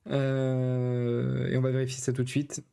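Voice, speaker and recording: A man's voice: medium pitch, monotone, measured pace, creaky, warm tone, clean tone. A man from France casually commenting on his screen as a web developer, thinking aloud with many hesitations.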